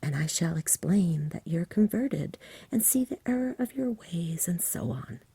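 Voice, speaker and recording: A gentlemanly storybook knight, voiced by a woman reader, explaining things in an offhand, practical way. The whisper is very breathy, mellow and close. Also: fairly low pitch, lively intonation, measured pace, no echo, exaggerated voice. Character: casual, practical male knight, Saint George.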